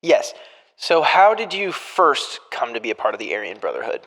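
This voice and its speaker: A man's voice: medium pitch, sing-song, normal speed, fairly bright tone, pitched below the performer's own voice. A man reading the part of a formal prison interviewer in a murder mystery game, sticking to scripted questions. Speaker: podcast host.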